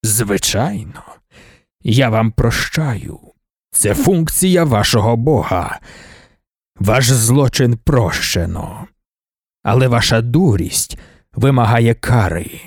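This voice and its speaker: A man voicing an ancient, imperious male god-emperor in an audiobook, speaking in a slow, measured, commanding way. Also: medium pitch, expressive, darkish tone, no room sound, clean studio sound, pitched below the performer's own voice, natural voice. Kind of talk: audiobook character voice.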